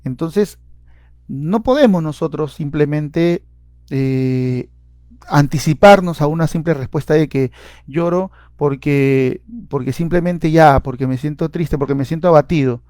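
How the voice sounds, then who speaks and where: A man's voice: on the high side, measured pace, darkish tone, dry recording, clean studio sound. A man, a psychologist giving a seminar lecture, explaining step by step with frequent "eh" fillers and repeated words. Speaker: clinical psychologist and seminar speaker.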